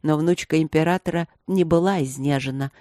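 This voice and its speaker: Measured, dry audiobook narration. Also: medium pitch, no echo. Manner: even, measured storytelling. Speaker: audiobook reader. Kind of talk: scripted fantasy narration.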